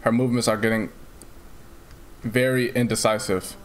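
A young man playing a horror game as a streamer, excitable, repeating his lines and jumping into high yelps. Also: normal speed. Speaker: gaming streamer. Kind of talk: casual gaming commentary.

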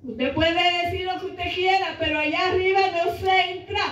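A middle-aged woman preaching a sermon into a handheld mic in a small church hall, impassioned, rising into shouts and half-sung lines. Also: extremely high pitch, normal speed. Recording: echoey room, camera far off, dull sound.

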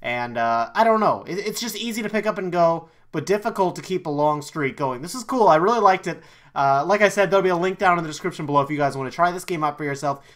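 A man giving let's-play commentary on a horror game, easily startled, swearing often, and talking himself into calming down. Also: on the high side, quick pace, poor audio. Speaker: YouTube let's player.

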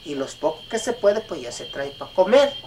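A man with a Mexican accent telling a folk tale aloud, halting and restarting often. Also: a little high, very animated, darkish tone, distant mic, a little hiss or hum. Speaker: storyteller. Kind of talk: oral folk storytelling.

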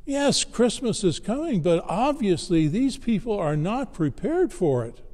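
A man with a high, mellow voice preaches a sermon at an unhurried pace. He tells his story in a measured, deliberate way, and the sound rings with a long echo through a church. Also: very animated.

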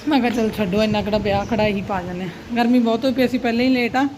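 A middle-aged woman chats casually for a family vlog like a dramatic aunty, exclaiming and grumbling in a very fast, steady, darkish voice. The recording is noisy, with a rumble like a vehicle behind her.

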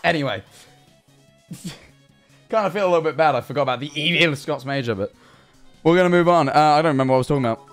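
Seated at his desk in a small bedroom streaming room, a young man talks fast into a headset-style studio mic, his pitch fairly high and his speech broken by frequent pauses. He reads viewer messages and reacts to chat with sarcasm, animation and plenty of swearing. Faint music sits in the background.

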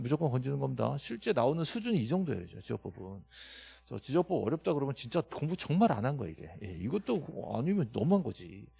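A man teaching a classroom lecture, emphatic and quizzing his students with quick questions and answers. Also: fairly high pitch, creaky, mellow, breathy edge, dry recording. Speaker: real estate law instructor.

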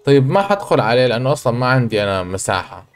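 Gaming host, male, mid-pitched, chatty let's-play commentary with excited outbursts, faint game music underneath. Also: racing.

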